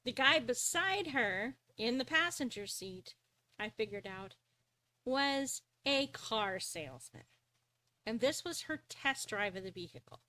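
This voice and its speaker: A woman's voice: fairly high pitch, animated, unhurried, bright, forceful tone. A woman hosting a live stream, earnestly telling a personal story, often chuckling and restarting her sentences.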